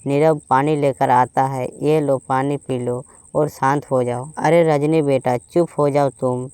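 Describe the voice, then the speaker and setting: A man's voice: mid-range voice, fairly even intonation, measured pace, a little mellow, smooth, no room sound, lightly acted. A man voicing a chiding but motherly mother-in-law in a storybook tale. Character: mother-in-law, fussy then kindly. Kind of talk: storybook voice acting.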